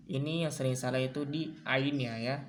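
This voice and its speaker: A man teaching Quran recitation, chanting verses slowly and then explaining common mistakes in casual speech, contrasting wrong and right pronunciations. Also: medium pitch, steady tone, roomy sound, a little hiss or hum. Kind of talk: recitation lesson with demonstrations.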